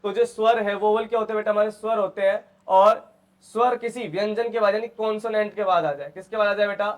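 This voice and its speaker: A man's voice: sits high, steady tone, brisk. A man teaching English pronunciation in who keeps asking his students questions and repeating each answer. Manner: asks and repeats questions, calls students "beta". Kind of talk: classroom lesson.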